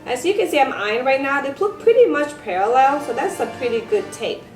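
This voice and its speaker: A woman giving a step-by-step craft lesson for children, speaking like a bright kids' presenter and teacher. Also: high-pitched, expressive, fairly quick. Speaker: elementary science teacher presenting a craft tutorial. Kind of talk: step-by-step instructional demonstration for children. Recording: roomy echo with music behind.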